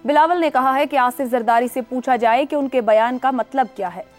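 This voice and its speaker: High-voiced woman hosting a TV talk show. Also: soft background music. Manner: measured, formal, agreeing interjections. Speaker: TV talk show host and anchor. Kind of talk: news talk show hosting and read bulletin.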